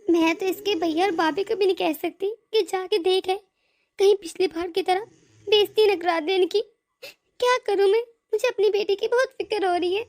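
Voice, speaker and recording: A worried older mother in a cartoon, voiced by a woman speaks low for this performer and quietly. Her talk is soft and fretful, full of anxious hesitation. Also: moderate pace. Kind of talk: cartoon voice acting.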